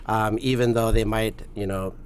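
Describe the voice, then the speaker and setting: A man speaking as a guest on a podcast, explaining his views in a measured, earnest way. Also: on the low side, fairly even intonation, clean tone. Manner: measured, earnest, with many fillers and restarts. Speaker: guest, policy advocate. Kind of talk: podcast interview talk.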